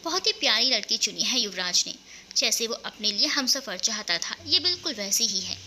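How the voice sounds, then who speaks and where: A woman's voice: on the high side, big pitch swings, normal speed, slight background noise, heavily acted. A woman playing a kindly older mother-in-law. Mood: fond. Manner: affectionate, gently commanding.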